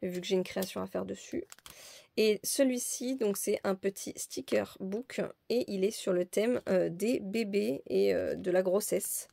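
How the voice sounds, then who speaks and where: A woman's voice: medium pitch, unhurried, creaky, mellow, dry recording. A woman presenting a crafting haul in a casual, hesitant, chatty way with many fillers. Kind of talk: casual show-and-tell haul.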